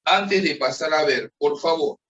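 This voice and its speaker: A man's voice: fairly high pitch, highs cut off. A man with a Chilean accent teaching an online class, explaining patiently and checking in with frequent questions. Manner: drills answers in slow, even call-and-response. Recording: roomy, distant from the mic.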